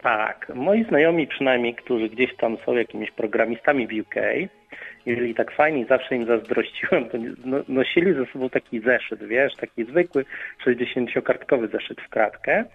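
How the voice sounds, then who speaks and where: A man's voice: mid-range voice, moderate pace, slightly rough, faint music behind. A man calling in to a livestream, chatting casually and making jokes. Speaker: caller. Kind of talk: casual phone chat. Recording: tinny phone line.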